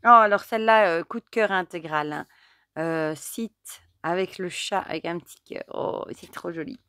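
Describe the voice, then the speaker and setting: A chatty woman talks through an oracle card deck at a relaxed, conversational pace, full of little fillers and bursts of enthusiasm. Her voice sits fairly low for a woman. It is recorded close and dry, with almost no room sound. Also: normal speed, no echo. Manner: chatty, enthusiastic, many fillers like euh and du coup. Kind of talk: casual card deck review with reading aloud.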